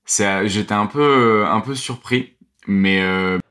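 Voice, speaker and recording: A man speaking as a podcast guest in casual chat, with halting phrasing and repeated starts. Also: fairly low pitch, bright, forceful tone. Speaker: podcast guest, basketball commentator.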